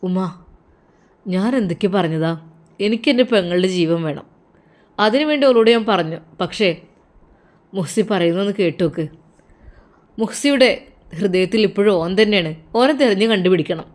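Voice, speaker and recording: A woman's voice: medium pitch, lively intonation, moderate pace, pauses often, close to an everyday voice. A woman with a Malappuram Malayalam accent voicing a caring older brother who soothes and lectures earnestly. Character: caring protective older brother, young man. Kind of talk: storytelling role-play.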